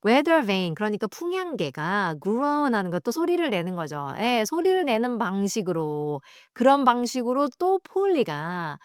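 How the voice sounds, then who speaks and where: A woman whose first language is Korean, leading an English reading lesson. She reads the English lines slowly, then explains them in quick, chatty asides. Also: medium pitch, clear, resonant tone, no room sound, clean studio sound. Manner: acts out sounds and voices. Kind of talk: bilingual read-aloud lesson.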